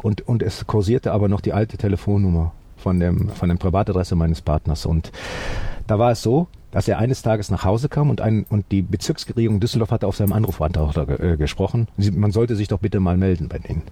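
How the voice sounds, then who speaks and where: A man telling a story as an interview guest, halting with many fillers and restarts, but upbeat. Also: deep voice, mellow, slightly rough.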